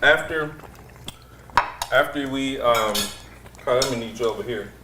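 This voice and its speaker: A man's voice: medium pitch, a little slow, roomy sound, noisy background. A man hosting a casual chat, asking questions and talking while he eats. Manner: asks questions, talks while eating. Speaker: host.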